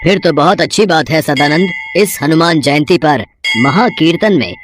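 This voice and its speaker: A woman's voice: sits low, lively intonation, normal speed, noisy background. Woman voicing a bossy village headman. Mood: pleased. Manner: bossy, commanding. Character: proud village headman, middle-aged man.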